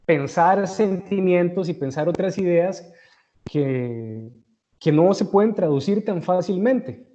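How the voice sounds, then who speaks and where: Male Costa Rican lecturer, casual classroom talk, warm mellow timbre, muffled low-fidelity recording. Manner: conversational, frequent "¿verdad?" check-ins and restarts. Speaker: university tutor. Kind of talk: online tutoring lecture.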